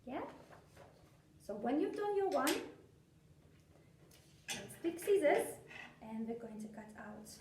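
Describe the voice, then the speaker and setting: A woman with presents a craft for small children like a bright children's entertainer. Her pitch swings widely in a sing-song, encouraging way. She is picked up from a distance in a room with some background noise. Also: big pitch swings, slow pace, pauses often, reverberant. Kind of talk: step-by-step craft demonstration for young children. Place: indoor craft room, seated at a table.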